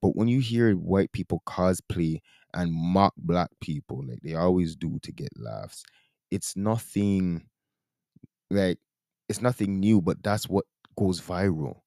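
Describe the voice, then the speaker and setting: Low, mellow man with Toronto slang accent. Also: unhurried, creaky, no room sound, clean studio sound. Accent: Toronto, with Caribbean-influenced slang. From Toronto, Canada. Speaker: commentary video host. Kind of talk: casual opinionated commentary.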